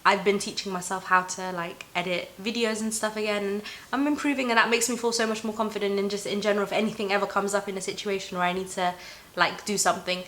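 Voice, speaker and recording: Bright-voiced young woman chatting informally. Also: medium pitch, steady tone, quick pace, slight background noise. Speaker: talk show host. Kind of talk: casual advice chat.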